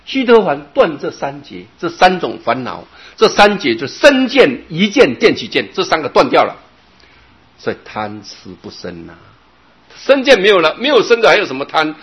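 Husky man giving a dharma talk. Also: a little high, a bit bright. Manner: expounding, drawing out particles, repeating phrases. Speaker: Buddhist teacher. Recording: dull lo-fi recording.

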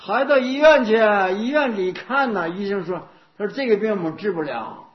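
A man's voice: high voice, normal speed. A male Buddhist teacher giving a dharma talk. He tells stories, repeats himself and asks rhetorical questions. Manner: anecdotal, repetitive, rhetorical questions. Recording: dull lo-fi recording.

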